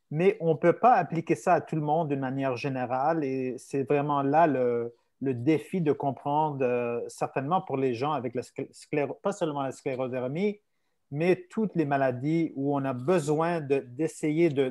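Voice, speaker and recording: A man in gives an informal expert explanation. He speaks haltingly, repeating words and searching for the right phrase as he addresses patients. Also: a little high, darkish tone. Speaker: invited medical expert speaker.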